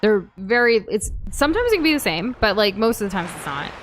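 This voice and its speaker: A woman's voice: medium pitch, big pitch swings, a little fast, noisy background. A young woman from the United States co-hosting a game stream, chatting candidly and reading viewer comments, with lots of fillers and restarts. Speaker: streamer co-host. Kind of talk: casual gameplay chat reading viewer comments.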